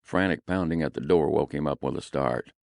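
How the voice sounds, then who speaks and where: A man narrating an audiobook in a gritty, deadpan way, recorded close in a studio. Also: extremely low pitch, fairly quick, creaky, dry recording.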